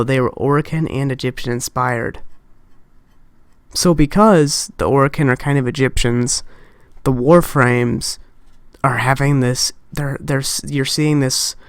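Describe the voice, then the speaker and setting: A woman's voice: very deep voice, no room sound. A young woman talking casually and ramblingly in a game-theory vlog, close to her mic at home, often breaking off and restarting. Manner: rambling, self-interrupting, distracted. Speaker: YouTuber. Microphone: close desk mic.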